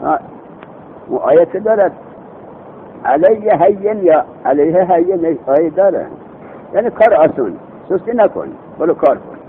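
Male grammar teacher, lively pitch, slow recited examples; tinny phone-like recording with faint vehicle rumble behind. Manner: quizzes students and recites examples slowly. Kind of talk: classroom grammar lesson.

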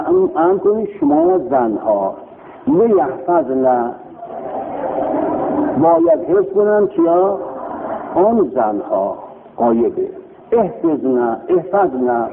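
Male grammar teacher, gravelly, very lively pitch, drills forms and answers his own questions, tinny phone-line sound. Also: noisy background. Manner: drills conjugations, asking and answering himself. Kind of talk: recorded classroom lesson.

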